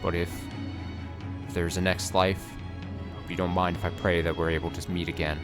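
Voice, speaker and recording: Over music, a man with a deep, natural voice reads a story dramatically, giving voice to a tormented young knight. He speaks at normal speed with little pitch movement, solemn and tender, though his words sometimes turn shaky.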